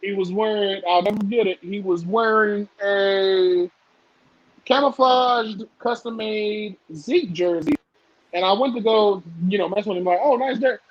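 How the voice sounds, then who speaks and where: Guest, man in his 30s from the US South, higher voice, dry close mic, casual rambling talker. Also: a little slow, no echo, highs cut off. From southern United States. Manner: rambling, lots of fillers, laughs often. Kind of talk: casual podcast chat.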